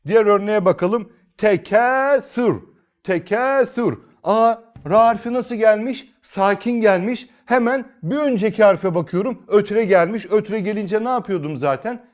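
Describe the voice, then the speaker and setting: A man's voice: sits high, normal speed, hardly any pauses. A man teaching Quran reading in a recorded lesson, asking himself questions, repeating key phrases and drawing out example recitations.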